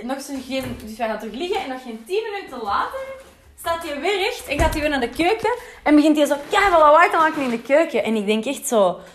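A woman's voice: sits high, a little hiss or hum. Chatty young Flemish woman telling a story. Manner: chatty, filler-heavy, acts out quotes, drops English swears. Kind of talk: casual storytelling.

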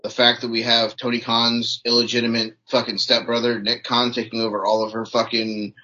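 A man's voice: medium pitch, completely flat delivery, brisk, pushed and bright, a little hiss or hum. A man co-hosting a podcast, giving blunt, profane opinions. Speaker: podcast co-host. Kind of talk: casual podcast chat. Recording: dull lo-fi podcast audio.

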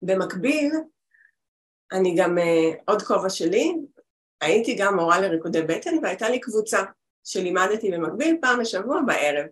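A woman's voice: medium pitch, expressive. Brief: woman in her forties, guest healer, chatty rambling talk over a video call.

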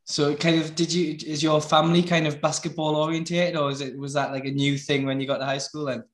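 A man's voice: on the high side, little pitch movement, brisk, roomy sound. A man interviewing casually, with hesitant questions full of "kind of". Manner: hesitant, many "kind of" fillers.

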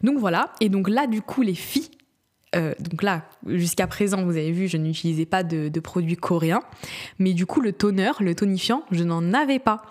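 A woman's voice: fairly low pitch, normal speed, a little mellow. A young woman talking through her skincare routine in a casual vlog, chatty and giggly, with many fillers and restarts. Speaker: beauty vlogger.

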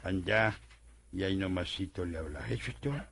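An actor playing a sly old village prankster in a radio drama, with a gravelly, cackling voice. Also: male voice, deep voice, a little fast, noisy background. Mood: urging. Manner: sly, urging, laughs at his own tricks. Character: old scheming prankster man, village joker.

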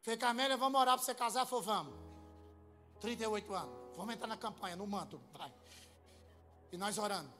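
A man preaching a humorous sermon, telling comic stories in a lively way and pressing his listeners hard. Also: high voice, quick pace, pauses often, soft background music. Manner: comic, lively storytelling that rises into loud exhortation.

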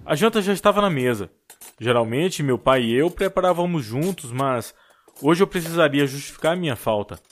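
A man reading a story aloud as an audiobook narrator, in a steady storytelling manner. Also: fairly high pitch, normal speed. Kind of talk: scripted narration.

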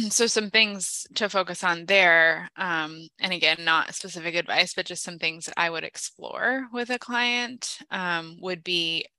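A young woman co-hosting a casual chat podcast, telling stories in an animated way and laughing often, then explaining health topics. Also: on the low side, unhurried, few pauses, no room sound. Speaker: podcast co-host, health practitioner.

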